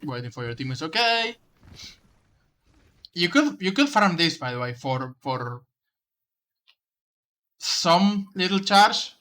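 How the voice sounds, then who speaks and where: A man's voice: on the high side, expressive, unhurried, pauses often, pushed and bright. A man reviewing someone's game footage, coaching them in casual commentary, often stumbling and restarting his sentences. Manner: coaching, direct advice.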